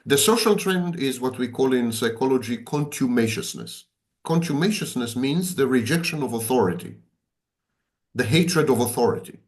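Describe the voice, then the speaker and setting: A man, speaking as a psychology expert in an emphatic, repetitive, sardonic conversational lecture. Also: mid-range voice. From Israel.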